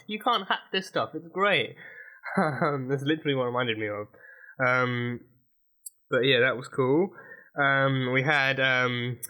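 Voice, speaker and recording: Male TV reviewer, mid-pitched, bright forward voice, loose rambling unscripted talk. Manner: rambling, many restarts and fillers, laughs often. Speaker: TV episode reaction reviewer. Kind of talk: casual reaction review monologue.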